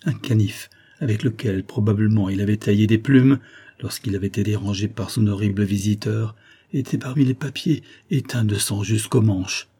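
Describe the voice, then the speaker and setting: Low husky male audiobook narrator. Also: moderate pace, mellow. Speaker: audiobook reader.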